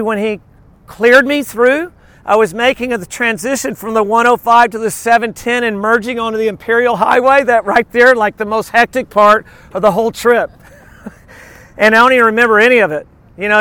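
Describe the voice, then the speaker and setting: High-pitched and recorded with no room sound, a male preacher gives a loose, conversational sermon. He teaches through personal stories, bringing little quotes to life by acting them out with animation.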